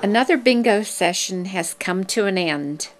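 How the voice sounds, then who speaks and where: A woman reading scripted narration for a promotional video in a measured, explanatory way. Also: mid-range voice, animated, crowd noise.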